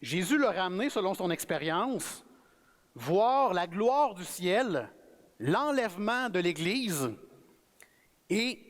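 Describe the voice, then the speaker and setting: A man with a Québécois French accent, preaching as a guest speaker in a relaxed, friendly, conversational sermon. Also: high voice, slow, pauses often. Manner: relaxed, friendly, self-effacing. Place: church sanctuary. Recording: reverberant church hall.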